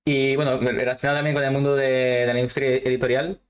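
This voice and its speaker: A woman's voice: extremely low pitch, little pitch movement, fast talker, clear, resonant tone. A woman hosting an interview over a video call, talking in a friendly, chatty way. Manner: friendly, chatty, affirming often. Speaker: interviewer host. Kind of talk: casual interview chat.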